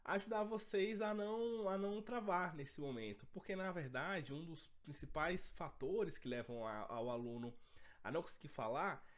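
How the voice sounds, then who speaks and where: Teaching an online French lesson, a man with a cold speaks in a slightly hoarse, fairly high voice at normal speed. He checks in with his students often.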